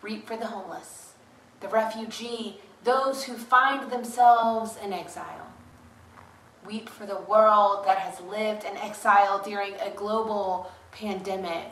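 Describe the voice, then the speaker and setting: A woman slowly reading a solemn litany of prayer for a church service. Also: mid-range voice. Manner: measured, grave litany reading. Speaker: worship leader. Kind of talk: slow solemn liturgical reading. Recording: echoey room, distant mic, faint hiss.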